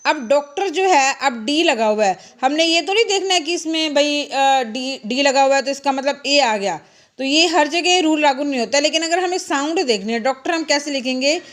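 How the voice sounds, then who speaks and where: Woman, teacher, high voice, reads examples slowly, explains step by step, calls the students "beta". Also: animated. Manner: explains step by step, asks questions and answers them herself, calls the children "beta"; reads English sentences slowly, then explains them in Hindi. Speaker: English teacher. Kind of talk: bilingual classroom grammar lesson.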